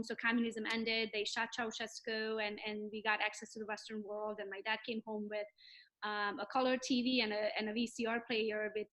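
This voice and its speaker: A woman's voice: on the high side, poor audio. A woman in her thirties from Romania, a realtor guest chatting casually and laughing often. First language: Hungarian. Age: 30s. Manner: lively, laughs often, speaks freely. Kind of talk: casual interview chat.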